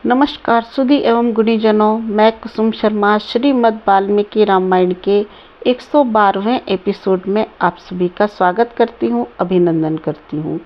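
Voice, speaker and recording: Slow, measured woman storyteller. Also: medium pitch, dull audio. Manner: slow, measured, formal address. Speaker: host reciting and explaining scripture. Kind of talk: devotional storytelling and verse recitation.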